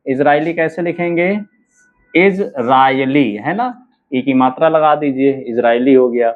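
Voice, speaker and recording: A man teaching shorthand outlines word by word. He stretches out each word and keeps checking with "ठीक है" and "है ना". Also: fairly high pitch. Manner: slow, drawn-out words, frequent "ठीक है" and "है ना" checks. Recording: narrow phone-like sound.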